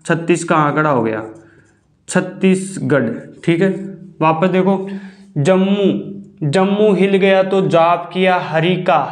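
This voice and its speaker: High-voiced man teaching in an echoey room. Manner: repeats questions and answers them himself, drawn-out key words. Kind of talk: classroom mnemonic lesson.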